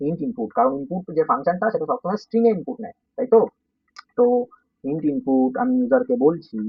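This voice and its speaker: Soft-spoken Bengali male coding teacher. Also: fairly high pitch, dry recording. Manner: informal, checks understanding often. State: sore throat, speaking softly. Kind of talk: coding lesson. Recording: dull, dry, slightly distant.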